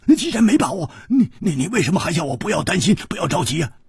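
A man voicing an excitable, hot-tempered male swordsman in a storytelling reading, talking high and stammering. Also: fast talker, gravelly, breathy edge, dry recording, studio quality, heavily acted. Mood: anxious.

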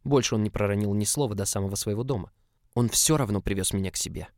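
A man narrating a novel in the first person in an even, measured reading. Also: lowish voice, no echo, studio quality. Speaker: audiobook narrator.

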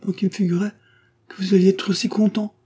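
A tearful, coaxing young woman pleads in a storybook reading, as a man reads her part. The pitch sits well above his own voice and keeps a husky edge. Her whine is soft and wheedling. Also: lively intonation, normal speed. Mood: pleading.

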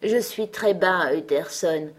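A woman's voice: fairly low pitch, slow pace. A woman reading the part of a despondent male doctor in an audiobook, speaking mournfully with sighs. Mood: gloomy. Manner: mournful, sighing. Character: man, a gloomy, despondent doctor.

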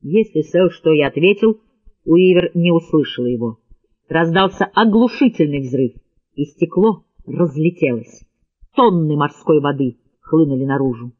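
A man's voice: a little high, lively intonation, moderate pace, dull audio. A man narrating an audiobook in a tense, dramatic reading style. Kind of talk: scripted narration.

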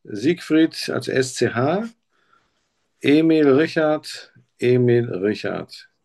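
In a role-played doctor-patient practice talk, a man plays the simulated patient, hesitating and searching for words. His mid-range voice is gravelly and darkish, with lively intonation, and he speaks slowly.

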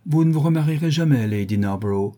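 A man voicing a witty, cynical aristocratic gentleman who trades languid paradoxical quips. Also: mid-range voice, expressive, fast, voice pushed up, natural voice. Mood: wry.

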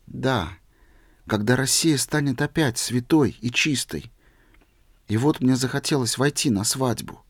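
A man voicing a meek, shy holy fool who tells his story quietly and simply. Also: mid-range voice, unhurried, breathy edge, no room sound, studio quality. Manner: quiet, simple, humble telling.

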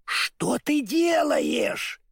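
A kindly straw scarecrow frets in a high, drawn-out voice, put on by a man reading aloud. He sounds worried and easily startled, well above the reader's own pitch. The sound is close and dry. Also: very animated, creaky, a bit bright, no room sound, heavily acted. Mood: alarmed. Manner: fretful, alarmed.

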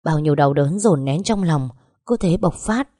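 A woman's voice: low-pitched, lively intonation, normal speed, dark tone, no room sound, studio quality. A woman narrating a first-person drama story in a vivid, dramatic way.

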